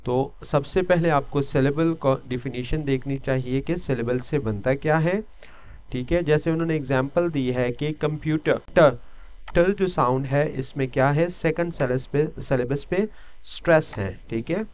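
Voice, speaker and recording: A man teaching an English lesson, explaining step by step and often pausing to check that listeners follow. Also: medium pitch, a little mellow. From Pakistan. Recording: dull lo-fi recording.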